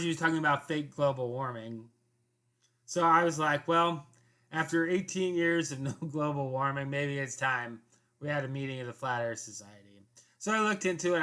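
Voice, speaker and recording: A man with a fairly high, bright, forceful voice hosts a casual commentary segment. He rambles through his thoughts, stopping and restarting sentences and leaning on fillers as he goes. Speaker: commentary host.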